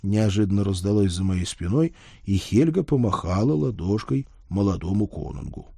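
A man reading a first-person audiobook, with a wry, lively storytelling manner. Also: lowish voice, no room sound, clean studio sound. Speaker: audiobook narrator.

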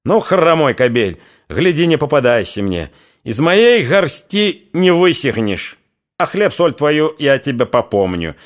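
A cruel young Cossack from a storybook hurls threats and insults in a fury. His voice pushes up high and hard. A male narrator acts him out. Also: sing-song, measured pace. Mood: threatening. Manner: raging, threatening, spitting insults.

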